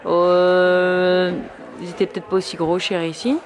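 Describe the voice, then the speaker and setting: A woman in her thirties with a French accent, chatting excitedly and laughing as she films a family outing. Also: fairly low pitch, measured pace, over a noisy crowd. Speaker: vlogger. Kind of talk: casual family vlog. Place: outdoors and in a visitor center. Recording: noisy outdoor camera audio.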